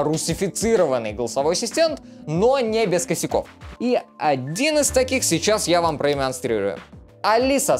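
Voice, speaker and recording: A man's voice: high voice, darkish tone. A young man giving a casual gadget review to camera on a lapel mic. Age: young adult. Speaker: tech reviewer. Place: small furnished room indoors. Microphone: clip-on lapel mic.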